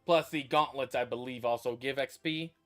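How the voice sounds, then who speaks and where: A man's voice: medium pitch, normal speed, fairly bright tone, faint music behind. A man streaming a video game, talking casually and thinking aloud with meandering restarts. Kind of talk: casual livestream commentary.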